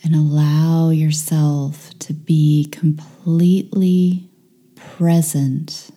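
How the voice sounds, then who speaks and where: In a low-pitched voice, a woman offers hushed, calm and soothing meditation guidance, pausing at length between phrases.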